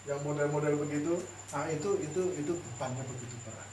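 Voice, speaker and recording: A man's voice: on the high side, fast talker. A male pastor giving a casual, chatty sermon, telling stories with laughing asides. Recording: echoey room, distant mic, faint noise.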